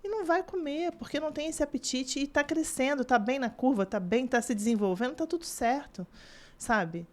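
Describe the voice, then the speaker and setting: A woman's voice: high voice, normal speed. Chatty Brazilian woman nutritionist. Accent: Brazilian Portuguese. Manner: chatty, acts out quoted dialogue with parents. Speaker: guest, child nutritionist. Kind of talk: casual podcast conversation.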